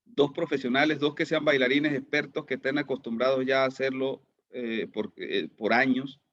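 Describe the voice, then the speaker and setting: A man's voice: mid-range voice, fairly even intonation, normal speed, fairly bright tone, no echo, lo-fi sound. A man teaching an online class, who keeps asking his students questions and repeats words as he goes. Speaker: lecturer.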